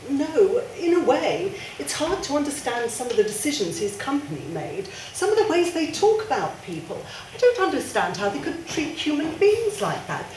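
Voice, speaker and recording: An actress playing a spirited, grieving widow who speaks firmly, with halting restarts, in a stage play. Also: female voice, sits high, very animated, darkish tone, a little hiss or hum. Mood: earnest. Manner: firm, emphatic, halting restarts. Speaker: stage actor. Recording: echoey stage sound from a distance.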